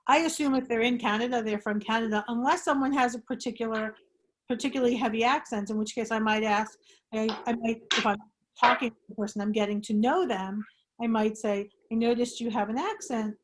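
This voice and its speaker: Woman running a video call chat, bit high voice, rambly and animated, lots of restarts. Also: fairly quick. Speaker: discussion host. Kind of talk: casual talk to an online group.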